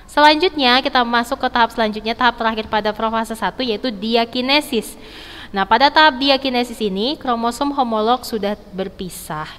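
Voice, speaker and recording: Female teacher, smooth higher voice, instructional and repetitive for clarity, recorded with long echo. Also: fairly bright tone. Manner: instructional, repeats key points and checks understanding. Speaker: biology teacher. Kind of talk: explanatory school lesson. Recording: reverberant, hall-like echo.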